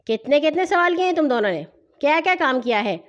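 A woman voicing a strict, bossy elder brother who scolds in rapid-fire questions in a children's story. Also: sits high, lively intonation, highs cut off, voice pushed up. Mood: commanding. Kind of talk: storybook reading.

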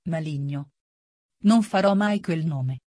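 A woman reading an audiobook, voicing the devil as a contemptuous, hateful male spirit in a low, muted, seething voice. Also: slow pace, darkish tone, no room sound, clean studio sound.

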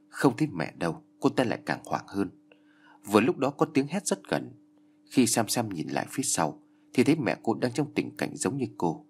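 Male audiobook narrator, expressive, husky, low, lively pitch. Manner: expressive, dramatic. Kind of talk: audiobook storytelling.

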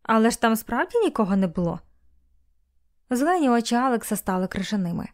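A woman's voice: on the high side, big pitch swings, fairly quick. A woman narrating a romance novel as an audiobook, reading every character's lines herself.

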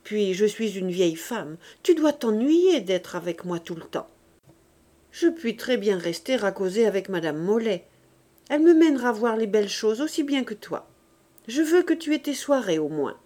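Woman voicing a grave old peasant mother, soft, pleading, emotional, audiobook dialogue. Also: medium pitch, big pitch swings, moderate pace. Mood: tender. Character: aging peasant mother, grave, tender, remorseful.

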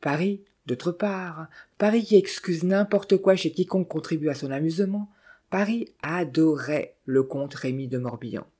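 A narrator reading a classic adventure novel aloud in a measured, steady way. The voice is dark and mellow, with a middling pitch. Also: slightly rough. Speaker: audiobook narrator. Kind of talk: scripted literary narration.

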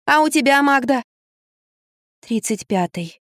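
A woman reading an audiobook, voicing an outspoken, excitable girl who exclaims loudly. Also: sits high, a little slow, no room sound, studio quality, pitched above the performer's own voice. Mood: mocking.

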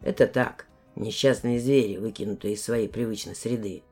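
A woman playing a weary male guardian of the border, fatherly and calm, from an audiobook. His voice is deep, dark and hushed. He explains things slowly and with care. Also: breathy edge, faint music behind, full character voice. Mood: gentle. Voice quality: deep, low and quiet. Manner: slow, measured explaining.

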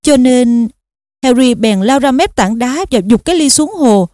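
A woman reading an audiobook aloud in a steady, expressive storytelling manner. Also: sits high, unhurried, dry recording, clean studio sound. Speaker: audiobook narrator.

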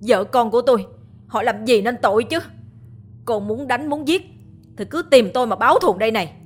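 A woman's voice: fairly high pitch, a little fast, breathy edge, voice pushed up. A woman voicing a grief-stricken man who wails and pleads for forgiveness, reading a ghost story with faint music behind. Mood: anguished. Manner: wailing, pleading.

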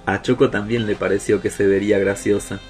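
A man with an Argentine accent reading a children's story aloud, slow and expressive. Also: lowish voice, soft background music. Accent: Argentine Spanish.

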